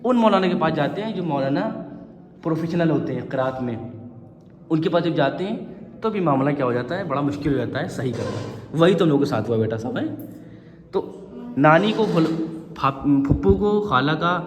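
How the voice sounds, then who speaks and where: Male teacher, slightly high voice, patient coaxing classroom tone, echoey hall. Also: lively intonation. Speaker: Quran reading teacher. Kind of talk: classroom Quran recitation lesson.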